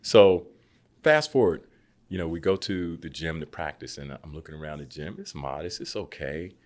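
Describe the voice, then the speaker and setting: Deep-voiced American man telling a story. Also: normal speed. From United States. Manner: lively storyteller who acts out quoted people with big jumps in pitch. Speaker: guest, former pro basketball player. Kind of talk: casual storytelling chat.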